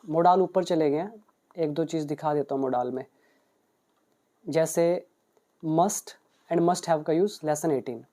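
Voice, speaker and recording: A man's voice: on the high side, mellow. A man who teaches English, explaining a book page by page and reading out paired Hindi and English examples. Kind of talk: book walkthrough lesson.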